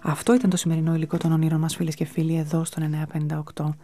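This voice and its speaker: A woman hosting a radio show, giving a calm, measured, scripted book review. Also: low-pitched. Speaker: radio host presenting books.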